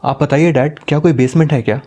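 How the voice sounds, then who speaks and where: A male storyteller voicing an anxious young son who talks in a hurried, insistent way. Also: on the high side, warm tone, faint music behind.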